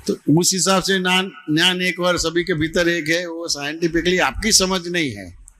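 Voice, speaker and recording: Guy doing satsang q&a, high bright voice, keeps asking if u got it. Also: normal speed. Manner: patient, repetitive, keeps checking understanding. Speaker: spiritual teacher. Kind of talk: satsang question-and-answer teaching. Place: devotional gathering hall in Ahmedabad.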